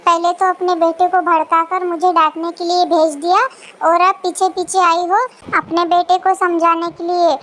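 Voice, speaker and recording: A proud young bride who talks back with scornful, quick comebacks, as a woman puts her on. The voice sits very high. It sounds like a cartoon storybook. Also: flat delivery, fairly bright tone. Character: proud, sharp-tongued young wife.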